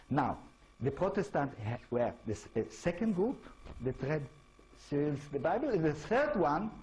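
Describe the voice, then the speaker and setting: Speaking English with an Israeli accent, a man from Israel delivers a casual talk as an author and keeps posing rhetorical questions to listeners. His voice is mellow and a little high, with slight background noise and poor audio.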